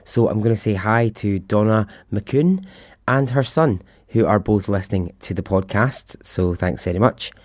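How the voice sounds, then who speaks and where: A man's voice: lowish voice, normal speed, a little mellow, no room sound. A man with a thick Scottish accent hosting a storytelling podcast in a chatty, informal, sweary way, close to the microphone. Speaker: podcast host.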